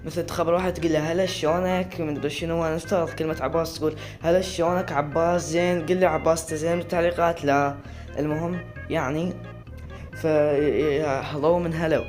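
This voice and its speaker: A man with an Iraqi accent talking casually to camera, rambling and often breaking off to restart words. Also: a little high. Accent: Iraqi Arabic. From Iraq. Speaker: video creator.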